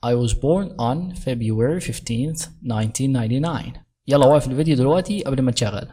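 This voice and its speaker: A woman with an Egyptian Arabic accent teaching English from a sitcom scene, explaining briskly and saying the English lines slowly and carefully. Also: rumbling low, warm tone, husky.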